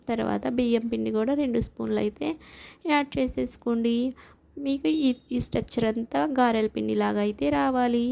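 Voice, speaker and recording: A woman talking through a home recipe in a cooking vlog. She sounds mellow and a little gravelly. Her delivery is chatty, step by step, with the same filler words coming back again and again. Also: fairly high pitch. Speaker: cooking channel host.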